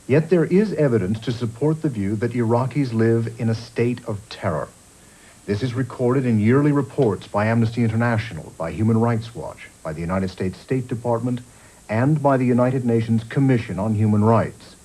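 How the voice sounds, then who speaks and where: A man, a journalist, giving measured, grave documentary narration, heard from a worn VHS tape copy. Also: fairly low pitch, mellow, slightly rough, rough recording. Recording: faint music underneath, worn tape.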